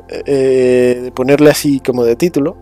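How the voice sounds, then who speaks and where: A man from muses aloud, full of restarts and little fillers. He drifts between a hushed murmur and a brighter, livelier tone. Faint music plays underneath. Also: medium pitch. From Spain. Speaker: vlogger. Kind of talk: rambling casual monologue.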